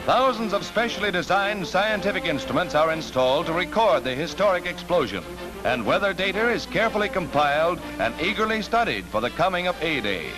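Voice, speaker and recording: A man's voice: high-pitched, sing-song, brisk, rough recording. A man giving dramatic, emphatic 1940s newsreel narration on an old newsreel soundtrack. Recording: old newsreel narration over loud music.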